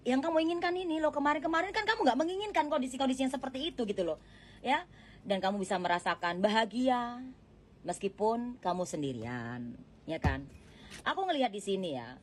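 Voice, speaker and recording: A woman reads tarot cards in a casual, chatty way, speaking softly and straight to the listener. Her voice sits at a middle pitch. A faint noise hums under the recording. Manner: gentle, chatty, addresses the viewer directly, laughs often. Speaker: tarot card reader. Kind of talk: casual tarot reading monologue.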